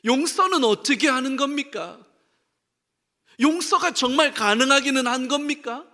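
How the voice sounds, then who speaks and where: A man's voice: extremely high pitch, normal speed, sharp tone, in a large hall. A middle-aged male pastor preaching a sermon, questioning the congregation and acting out the voices he quotes. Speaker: senior pastor. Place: church sanctuary.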